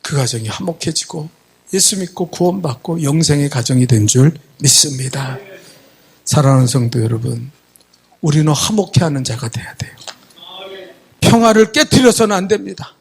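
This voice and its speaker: A man's voice: medium pitch, normal speed, vocal fry, slightly rough. A man pastor telling a story in a sermon, acting out the people in it. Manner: animated storytelling, acting out quoted voices. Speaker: senior pastor. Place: church sanctuary.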